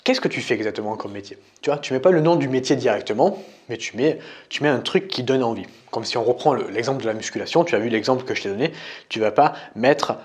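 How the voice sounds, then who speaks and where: A man's voice: mid-range voice, animated, fast, darkish tone. A young man from France, a dating coach, explaining in a casual tutorial, talking straight to the listener with frequent fillers. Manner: casual, addresses listener as tu, frequent "tu vois" and "euh". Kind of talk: screen-recorded tutorial.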